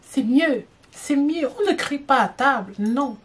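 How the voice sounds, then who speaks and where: A woman's voice: sits high, animated, measured pace. A young woman casually giving etiquette tips to camera, chatty and emphatic, talking straight to the viewer with teasing questions. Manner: chatty and emphatic, repeating "non, non" for stress; addresses the viewer directly, teasing rhetorical questions. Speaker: lifestyle vlogger.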